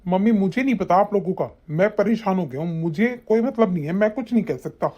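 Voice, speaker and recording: A woman voicing an exasperated young husband caught in the middle, in an animated story, with a weary delivery. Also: medium pitch, a little fast, highs cut off, close to an everyday voice.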